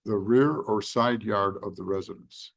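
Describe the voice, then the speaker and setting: Council guy asking quick questions, low husky voice, dry close sound. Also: steady tone, no echo. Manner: questioning, conversational. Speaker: council member. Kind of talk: meeting discussion. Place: council chamber.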